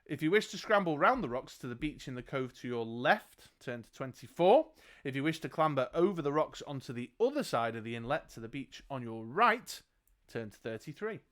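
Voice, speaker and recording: A man's voice: medium pitch, a bit bright. Man narrating a gamebook. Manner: laughs often, jokes between read passages. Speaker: game master narrating a gamebook. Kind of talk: reading a gamebook aloud with banter.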